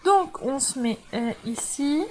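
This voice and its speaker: A woman's voice: high-pitched, expressive, slow, slight background noise, rough recording. A woman with a French accent hosting a casual live crafting demo, chatting to viewers with frequent laughs. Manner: chatty, warm asides to viewers, laughs often. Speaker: crafting channel host. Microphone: camera mic.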